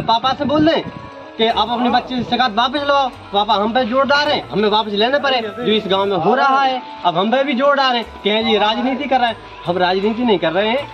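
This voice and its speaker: A man from Madhya Pradesh with a very high voice, speaking in short indignant bursts as a village resident lodging complaints. The sound is dull and lo-fi, with music playing underneath. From Datia district, Madhya Pradesh, India. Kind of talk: on-the-spot interview. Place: outdoors at a village school.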